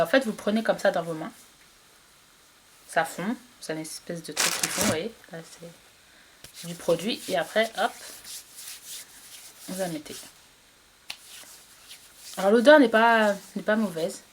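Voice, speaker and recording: A woman's voice: on the low side, unhurried, long pauses, slight background noise. A woman chatting casually to camera about beauty products she bought, hesitating often with fillers and restarts. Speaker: beauty vlogger. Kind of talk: casual product haul review.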